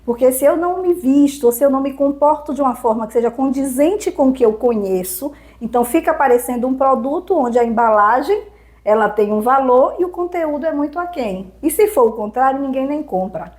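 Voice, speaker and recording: A woman's voice: high voice, animated, brisk, darkish tone. A woman with a Brazilian accent, a public speaking trainer giving didactic interview answers with rhetorical questions. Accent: Brazilian Portuguese. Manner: didactic, lists points and poses rhetorical questions.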